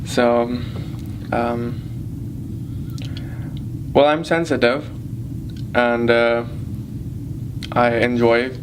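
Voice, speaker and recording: A man in his twenties being interviewed in an elevator, speaking thoughtfully with many pauses. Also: mid-range voice, background noise. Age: 20s. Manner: thoughtful, hesitant, reflective. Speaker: interviewee, doctor. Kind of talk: casual conversation.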